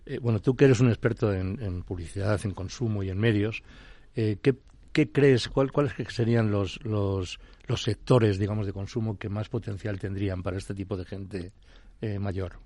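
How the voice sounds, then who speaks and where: Radio host dude, lowish warm voice, chatty, asking the guest stuff. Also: male voice, steady tone, moderate pace, no room sound. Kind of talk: radio interview. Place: radio studio.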